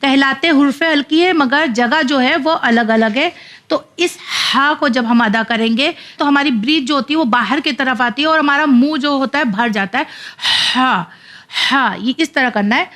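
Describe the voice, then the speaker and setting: A woman teaching Quran reading, who spells out letters and vowel marks slowly syllable by syllable, then explains the rules quickly. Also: sits high, fairly bright tone. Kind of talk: slow syllable-by-syllable spelling drills between fast explanations.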